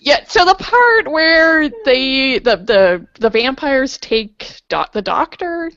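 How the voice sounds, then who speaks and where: A woman's voice: sits high, animated, slow, fairly bright tone, dry recording, highs cut off. A woman co-hosting a casual book club podcast, chatty, trailing off and restarting mid-thought. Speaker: podcast co-host.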